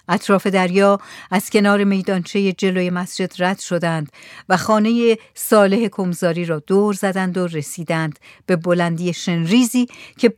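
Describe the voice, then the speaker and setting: A woman narrating a story in a soft, hushed reading voice. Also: mid-range voice, no room sound, studio quality.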